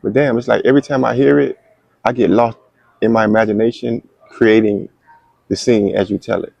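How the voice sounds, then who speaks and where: A man from Miami in a relaxed chat, telling how he met his partner and acting out what people said. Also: fairly quick, vocal fry, no echo, dull audio. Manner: animated storyteller who acts out the quoted voices in a higher pitch. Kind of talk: casual storytelling chat.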